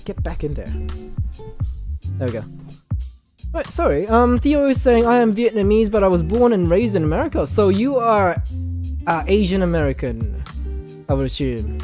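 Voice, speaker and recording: A man hosting a casual livestream, reading viewer comments aloud in an animated, jumpy voice with frequent laughs, on a desk mic. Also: normal speed, long pauses. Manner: animated, jumpy pitch, laughs often, talks straight to chat. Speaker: livestream host. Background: background music playing.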